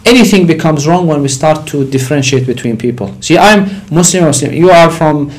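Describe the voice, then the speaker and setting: A man's voice: fairly high pitch, a little fast. Man from Iraq, studio religious guest, emphatic explainer. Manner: explanatory, rising emphasis on key points. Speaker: sheikh answering questions. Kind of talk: religious call-in discussion.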